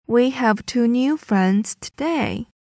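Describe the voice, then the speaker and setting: A woman's voice: on the high side, lively intonation, slow pace, a little mellow, dry recording, clean studio sound. A woman reading English listening-test items carefully, repeating each sentence. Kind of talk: slow, clearly enunciated test reading.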